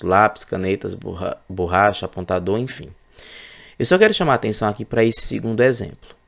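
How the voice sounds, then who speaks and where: A man's voice: medium pitch, creaky. A Brazilian man teaching a recorded grammar lesson, explaining patiently and often checking in with his students. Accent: Brazilian Portuguese.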